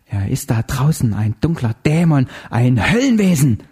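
A man's voice: sing-song, moderate pace, dark tone, slightly rough. A man reading an audiobook voices a hysterical, bloodied older woman who rants frantically about a demon. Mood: hissing. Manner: shrill, frantic, hissing. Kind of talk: audiobook character voice.

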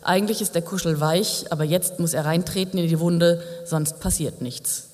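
A male audiobook narrator who reads with dry, wry asides. His voice sits a touch high. The recording carries a long hall reverb. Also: steady tone, moderate pace.

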